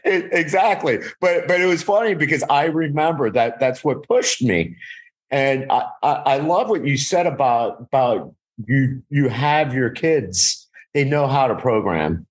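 A man in his forties talks in an everyday mid-range voice, circling back on his words and restarting sentences as he goes. His tone stays conversational and unpolished, like a guest thinking out loud on a podcast. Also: medium pitch, expressive. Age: 40s. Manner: halting, many restarts and repeated words. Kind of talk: casual conversation.

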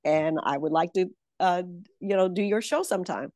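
A woman's voice: lowish voice, moderate pace, a little mellow, no echo, studio quality. A woman working as a political consultant, telling stories in an interview with a confident, emphatic manner and easy laughter. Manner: confident, emphatic storyteller who laughs easily. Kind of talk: conversational interview.

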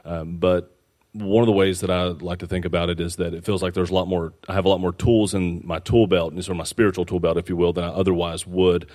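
Very low, even-toned man, tentative. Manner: halting, rambling, tentative. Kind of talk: informal spiritual teaching discussion.

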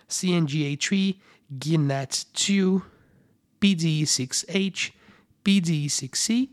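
With a fairly high-pitched voice, a male doctor explains eye research on his podcast in friendly, uncomplicated terms. He regularly checks in with listeners by asking "right?".

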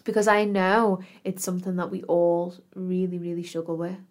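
A woman's voice: fairly low pitch, level tone, normal speed. A woman podcast host speaking in an earnest, affirming self-help influencer manner, reflecting aloud and addressing the listener directly.

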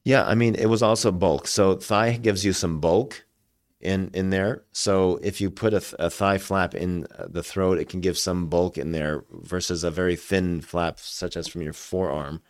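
A man speaking as an interviewed doctor, explaining conversationally in a halting way with repeated words. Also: low voice, fairly even intonation, dry recording, studio quality. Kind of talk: conversational explanation of medical procedures.

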